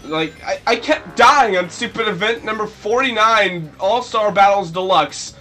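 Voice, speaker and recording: Goofy high-voiced man narrating gameplay. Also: measured pace, sharp tone, faint music behind. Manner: goofy, rambling, with sudden shrill yelps. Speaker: let's play commentator. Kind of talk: casual gameplay commentary.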